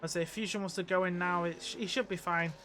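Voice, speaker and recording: A man's voice: high-pitched, fairly even intonation, fast talker, bright, forceful tone, slight background noise. A man commentating live on an online race, chatty, often restarting his sentences. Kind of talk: live sim racing commentary.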